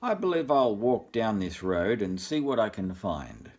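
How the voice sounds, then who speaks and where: An older man acts out a polite, earnest, plucky little storybook pig, sounding eager and courteous. His slightly husky, darkish voice swoops widely in pitch at a measured pace.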